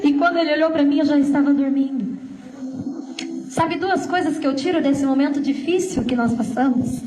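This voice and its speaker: A woman's voice: high voice, moderate pace, far from the mic, music in the background. A woman giving a sermon testimony, telling her story earnestly and speaking straight to the congregation. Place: church. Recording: echoey church room.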